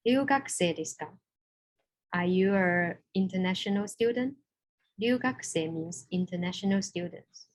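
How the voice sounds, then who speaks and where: Patient woman teaching a language class. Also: medium pitch. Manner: patient, explains step by step, repeats example phrases. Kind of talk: online language lesson.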